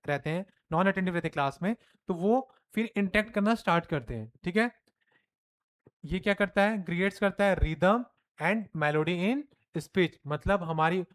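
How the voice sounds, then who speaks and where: Hindi-speaking male teacher, question-and-answer lecture. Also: sits high. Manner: lively, mixes Hindi and English, asks and answers his own questions. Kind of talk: classroom lecture.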